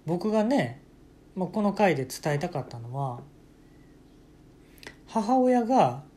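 A man hosting a casual solo podcast, telling a family story with playful jokes and quick self-corrections. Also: sits high, big pitch swings, mellow. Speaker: podcast host.

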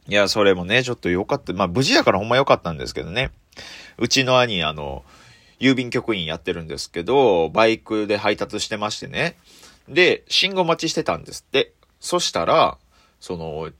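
A man with a Kansai accent, a comedian telling a story on his solo radio talk, lively with sound effects and frequent laughter. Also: medium pitch, no room sound. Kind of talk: casual solo radio chat.

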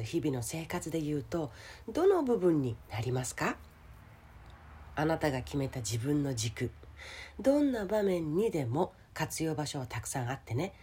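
A woman with a hoarse, gravelly voice gives a casual motivational solo talk as a radio host, speaking directly to the listener. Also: low-pitched. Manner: addresses the listener directly with questions and soft sentence-ending particles. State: hoarse today.

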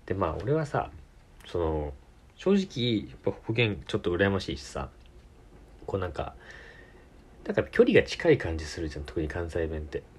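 A man's voice: low-pitched, sing-song, moderate pace, long pauses, husky. A man from Tokyo with a Tokyo accent, hosting his own podcast and rambling casually, correcting himself and laughing often. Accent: Tokyo Japanese. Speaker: podcast host. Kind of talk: casual solo talk.

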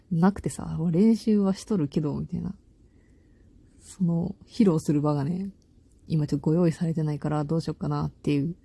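Casting: young Kansai woman, loud rambling solo chatter with frequent laughs, very dark gravelly tone. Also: on the low side, no room sound. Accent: Kansai Japanese. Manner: loud voice, by her own account; rambling, laughs often, slangy. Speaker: podcast host. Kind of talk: casual solo chat.

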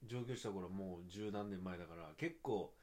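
A man's voice: low voice, normal speed, dark tone. A man in his thirties from Osaka with a Kansai accent, chatting casually over drinks as an actor co-host in a meandering, easygoing way. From Osaka, Japan.

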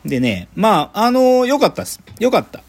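Rambling, lively male radio host. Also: sits high, fairly quick. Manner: rambling, lively, colloquial with many fillers. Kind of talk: casual radio chat.

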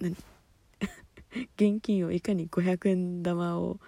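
A woman hosting a solo talk show, chatting casually, laughing often and dropping to soft murmurs. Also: medium pitch, vocal fry, dry recording. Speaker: podcast host. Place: at home at night.

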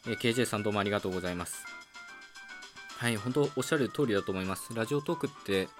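A calm, low-voiced man with an Okayama accent hosts a solo talk show. He explains things in a relaxed, chatty way, with plenty of filler words. Soft background music plays quietly behind him. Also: racing. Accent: Okayama dialect. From Okayama, Japan. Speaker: podcast host.

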